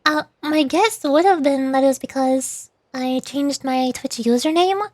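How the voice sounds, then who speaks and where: With a high, slightly mellow voice at a measured pace, a VTuber streams herself gaming, playfully chatting, muttering as she plays, and reading dialogue aloud. The sound is clean studio quality without any room sound.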